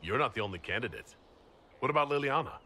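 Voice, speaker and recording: A man's voice: medium pitch, animated, quick pace, pushed and bright, husky, full character voice. A man playing a confident, probing leader in a fantasy video game, with a direct, questioning manner. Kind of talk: dramatic video game dialogue.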